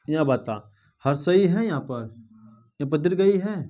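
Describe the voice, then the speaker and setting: A young man teaches a blackboard grammar lesson. His voice sits fairly high, and he talks to the students informally, pausing often to check that they have understood. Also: lively intonation, mellow, dull audio. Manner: informal, addresses students directly with quick check-ins.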